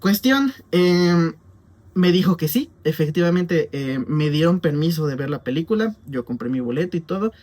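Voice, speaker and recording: A young Mexican man with a Mexican Spanish accent talks through a film review with a somewhat high voice. He rambles casually and fills his pauses with plenty of verbal fillers. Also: animated, darkish tone. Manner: chatty and rambling, with frequent fillers and asides.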